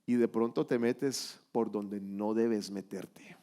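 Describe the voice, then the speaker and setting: A man, the pastor, teaching a Sunday school sermon, swinging between loud emphatic lines and quiet, low asides. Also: steady tone, slow.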